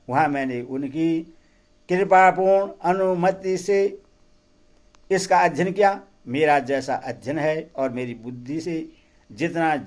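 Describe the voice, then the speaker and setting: A man giving a devotional scripture reading in a measured, solemn recitation. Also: on the high side, darkish tone. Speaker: scripture reader.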